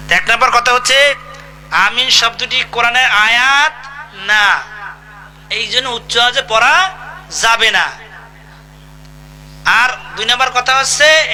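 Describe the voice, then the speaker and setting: A man's voice: high-pitched, pushed and bright, a little hiss or hum, low-quality recording. A man preaching a sermon, emphatic and asking his listeners rhetorical questions. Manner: emphatic, asks the audience questions. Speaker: Islamic preacher.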